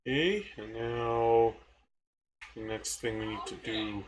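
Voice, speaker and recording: A man's voice: mid-range voice, slow. Man, gaming streamer, casual commentary, muttering to himself, faint hiss. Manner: muttering to himself while playing.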